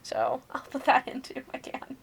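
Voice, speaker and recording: A young woman co-hosting a podcast, telling her ghost stories casually, laughing, swearing and going hushed at the spooky parts. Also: sits high, big pitch swings, moderate pace, creaky, a little hiss or hum. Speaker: podcast co-host. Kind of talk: casual storytelling chat.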